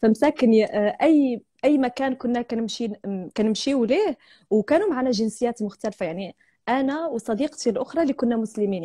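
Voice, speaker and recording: With a slightly high, dark-toned voice and a Moroccan Arabic accent, a young woman hosts a live video chat at home. She tells stories casually and laughs often, recorded on a laptop or phone camera during the call.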